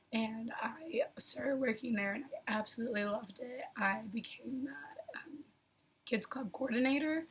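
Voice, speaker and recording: A young woman, a daycare teacher, talking casually to camera while losing her voice, so she sounds hoarse and often slips into a whisper. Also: a little high, a bit bright, a little hiss or hum, rough recording. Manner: goofy, laid-back, chatty. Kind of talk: casual video talk.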